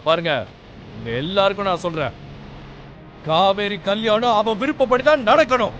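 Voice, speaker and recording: An actor playing a defiant young man who stands up to his family to protect his sister, speaking forcefully and pleadingly. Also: high-pitched, normal speed, muffled recording, close to an everyday voice. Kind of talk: TV serial acting. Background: background score music.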